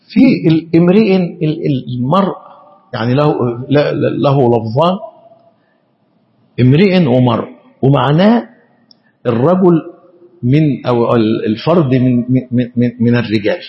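A man with an Egyptian Arabic accent, an Islamic scholar teaching a lesson, speaking slowly and deliberately and often stumbling and repeating syllables as he explains. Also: medium pitch, highs cut off. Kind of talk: classroom lesson explaining grammar and meaning.

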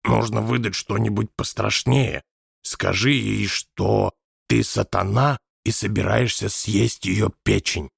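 A man's voice: fairly low pitch, slow pace, gravelly, few pauses, husky, no room sound, studio quality, exaggerated voice. A man voicing a mischievous, teasing man who talks in a conspiratorial way.

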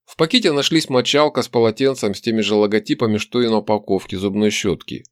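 A man reading a first-person story aloud in a wry, expressive way. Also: on the low side, quick pace, dry recording, studio quality. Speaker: audiobook narrator. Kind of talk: first-person audiobook narration.

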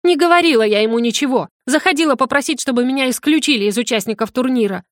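Young student heroine, flustered and defiant, lifted high voice, dry close sound; a woman reader puts her on. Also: fast, no room sound, close to an everyday voice. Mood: grumbling. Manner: high, exclaiming, argumentative. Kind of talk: audiobook character voice.

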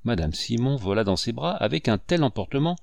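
Man reading a novel with lively pitch. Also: a little fast, creaky, no room sound, clean studio sound. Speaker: audiobook reader. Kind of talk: expressive literary narration.

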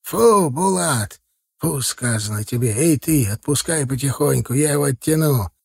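A man voicing an old, gruff night watchman with a hoarse, strained voice who barks drawn-out orders. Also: mid-range voice, lively intonation, no echo, clean studio sound. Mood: commanding. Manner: barking, drawn-out shouts.

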